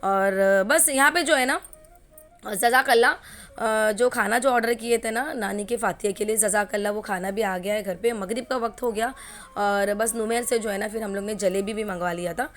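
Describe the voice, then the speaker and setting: A woman's voice: medium pitch, moderate pace, a bit bright, faint music behind. A woman in her forties talking casually through a family vlog at home, rambling with lots of fillers. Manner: chatty, rambling, many fillers. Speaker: family vlogger. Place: home kitchen.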